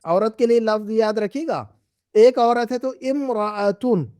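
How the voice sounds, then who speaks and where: A man's voice: sits high, a little slow, darkish tone, smooth, no echo. A middle-aged man teaching an Arabic class, patiently repeating and drilling words with his students. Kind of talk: classroom lesson.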